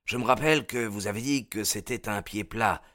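A man voicing an eager, excitable male police inspector with emphatic outbursts. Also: deep voice, unhurried, dry recording, studio quality. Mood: excited.

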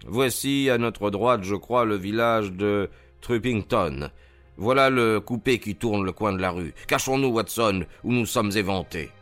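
A sharp, decisive detective, as a male storyteller puts him on, measured and commanding in a lower register. He pitches himself above his narrating voice and slows down for weight, with soft music playing behind. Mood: urgent.

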